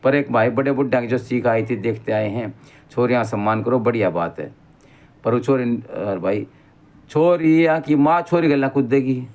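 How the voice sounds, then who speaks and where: A man's voice: mid-range voice, moderate pace, a little mellow. Rambling middle-aged Haryanvi man. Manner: rambling storyteller, keeps saying "bhai". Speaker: vlogger. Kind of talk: casual spoken monologue.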